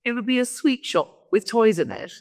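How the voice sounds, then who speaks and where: Slightly high-pitched and lively in intonation, at a normal pace, a woman gives a relaxed guest talk at a conference. She's a rambling storyteller who keeps interrupting herself, and the large event hall leaves long reverb on her voice.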